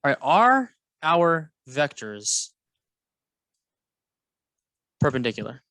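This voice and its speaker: A man's voice: on the high side, sing-song, a little slow, sharp tone, no echo. A man teaching math alongside a colleague, playful and jokey, guiding with questions. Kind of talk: co-teaching a lesson, casual banter.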